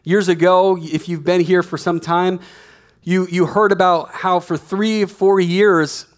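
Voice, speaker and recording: A man's voice: sits high, steady tone, measured pace. A man in his thirties preaching a sermon on a church stage, emphatic and repeating his key lines, on a headset mic. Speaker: pastor.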